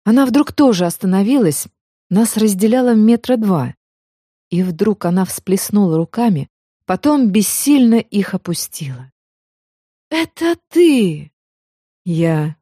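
A woman narrating a first-person audiobook in an emotional, expressive way, close to the mic. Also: medium pitch, moderate pace, breathy edge, no room sound.

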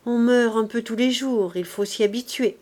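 A woman reading the lines of a languid, bedridden woman with a soft, gently plaintive voice. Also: fairly high pitch, moderate pace, lightly acted.

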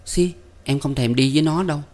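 A man's voice: on the high side, brisk, darkish tone, voice pushed up, lightly acted. A man voicing a coy, sulky young woman, speaking in a pouty, dismissive way.

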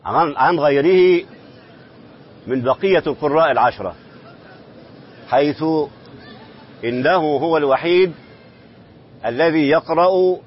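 A man explaining Quran recitation variants at an unhurried, deliberate pace. His voice is somewhat husky and a little high, and the recording sounds dull and lo-fi. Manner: slow, measured scholarly explanation.

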